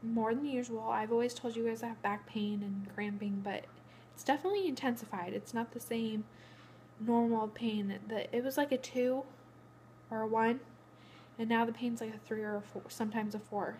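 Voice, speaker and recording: A woman's voice: a little high, fairly even intonation, normal speed, darkish tone, slight background noise. A young pregnant woman, out of breath, rambling through a matter-of-fact casual vlog update. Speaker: vlogger. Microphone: phone camera.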